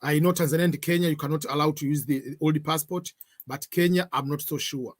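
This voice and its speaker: A middle-aged man hosts a casual live Q&A stream from a room at home, answering viewer questions hesitantly with lots of fillers while mixing English and Swahili. His voice is a little high, steady in tone, and fairly quick.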